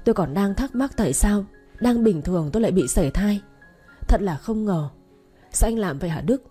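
A woman's voice: medium pitch, lively intonation, fast talker, mellow, breathy edge. A woman voicing a hurt, furious young wife who accuses her husband in a raised voice, with faint music behind. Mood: tearful accusing.

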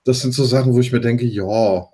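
A man's voice: medium pitch, brisk, mellow. A man from Vietnam in a casual podcast chat, rambling and filling with small words. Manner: rambling, repeats "halt" and "so". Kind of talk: casual panel discussion.

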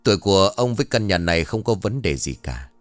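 A man's voice: sits low, big pitch swings, quick pace, no echo, faint music behind. A man voicing a blunt, wry older female village shaman who talks brusquely and commandingly.

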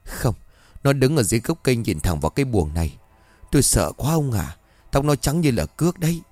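A man's voice: mid-range voice, sing-song, brisk, darkish tone, no echo, lightly acted. A man voicing a frightened village wife who stammers in broken, fearful speech. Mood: terrified. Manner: stammering, breathless with fear. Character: frightened middle-aged peasant wife, trembling.

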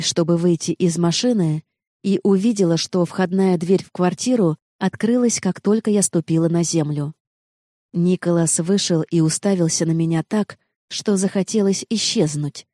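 A woman reading a novel aloud in the first person, steady and expressive. Her voice is mid-pitched and mellow, heard close and dry with no room around it. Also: no echo. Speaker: narrator. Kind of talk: first-person audiobook narration.

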